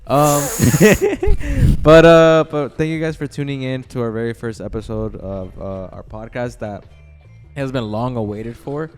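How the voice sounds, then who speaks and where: A man's voice: medium pitch, normal speed, clean tone, faint music behind. A young man co-hosting a casual podcast, rambling with stammered restarts and plenty of fillers. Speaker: podcast co-host. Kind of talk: casual chat.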